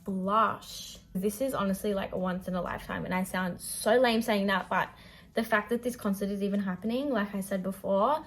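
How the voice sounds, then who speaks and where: A woman's voice: medium pitch, steady tone, moderate pace, rough recording. A young adult Australian woman chatting casually through a makeup vlog in a bubbly, gushing, slangy sorority-girl manner. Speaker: beauty vlogger.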